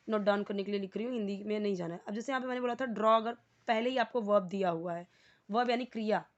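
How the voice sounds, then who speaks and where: Woman, English teacher, slightly high voice, step-by-step explaining, repeats terms, dull lo-fi recording. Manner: explains word by word, repeats terms, asks viewers to comment. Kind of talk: spoken English grammar lesson.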